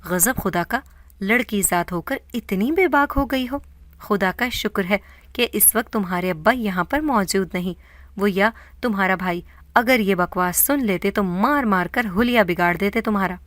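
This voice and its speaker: A woman's voice: mid-range voice, a bit bright, no echo, close to an everyday voice. A woman voicing a strict middle-aged mother who scolds her daughter in a storybook tale. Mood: angry.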